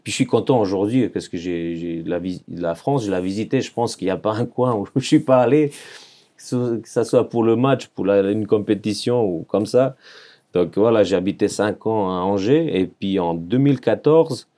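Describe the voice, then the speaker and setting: Speaking at a moderate pace, this fortyish man from Serbia has a lowish voice with a dark tone and a Serbian accent. In an interview he shares personal stories from his life as a podcast guest, using earnest French while groping for words and going back over phrases.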